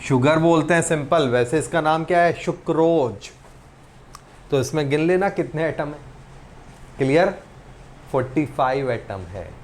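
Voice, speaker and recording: A man's voice: on the high side, slight background noise. A man teaching a recorded chemistry lesson, reading out element lists and quizzing students with questions he answers himself. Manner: reads lists of elements slowly, one by one.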